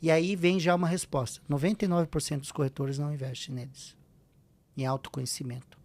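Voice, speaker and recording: Speaking a little fast in a steady, slightly high and somewhat mellow voice, this Brazilian man has a slight tongue-tie. He's a podcast guest in a casual interview, offering emphatic motivational advice and frequently asking rhetorical questions.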